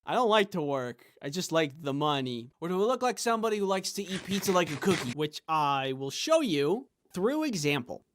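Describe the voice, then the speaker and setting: A man's voice: on the high side, very animated, fairly quick, hardly any pauses, slight background noise. A man doing comedic vlog talk to camera, jokey and self-mocking. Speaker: YouTuber.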